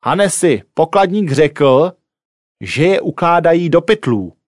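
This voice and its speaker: A man's voice: on the high side, animated, dry recording, natural voice. A short-fused robber who snaps insults and commands in a lifted, agitated voice, as a male narrator acts him out. The storybook read sounds close and dry. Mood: questioning. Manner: snapping, insulting. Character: bossy, quick-tempered male bank robber.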